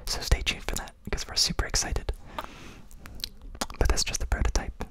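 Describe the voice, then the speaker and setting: Casting: ASMR livestream host, entirely whispered, breathy and soft, casual chat delivered close to the mic. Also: moderate pace. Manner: soft, informal ASMR whispering to live viewers. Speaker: streamer and game developer.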